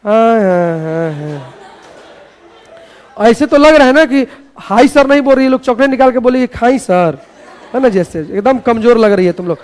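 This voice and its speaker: High-voiced man teaching a class. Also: expressive, normal speed. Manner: loud, playful, rallies the class with call-and-response. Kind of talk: energetic classroom lecture.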